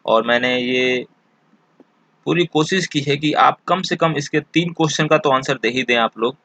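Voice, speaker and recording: A man teaching an exam-prep lesson, explaining slowly and repeating each point with many fillers. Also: medium pitch, fairly bright tone, no room sound.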